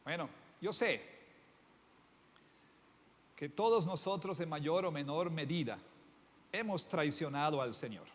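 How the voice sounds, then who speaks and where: A man's voice: a little high, lively intonation, a little slow, pauses often. A man preaching a Sunday sermon, emphatic, asking the congregation rhetorical questions with some hesitant fillers. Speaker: pastor. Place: church hall. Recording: long hall reverb.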